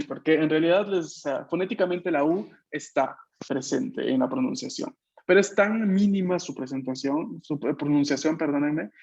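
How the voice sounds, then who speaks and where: A man's voice: fairly high pitch, lo-fi sound. A man teaching a Japanese class online, explaining patiently and checking that his students follow. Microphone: video call.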